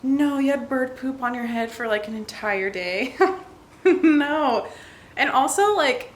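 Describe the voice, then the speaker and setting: A woman's voice: sits high, animated, slow pace. Chatty woman vlogger, echoey room. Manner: chatty, laughs often, many "like" fillers. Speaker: vlogger reading viewer stories. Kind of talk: casual vlog chat, reading aloud.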